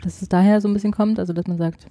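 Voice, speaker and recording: Dry-humoured podcast co-host, mellow voice. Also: medium pitch, steady tone, racing, no echo. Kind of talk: casual chat.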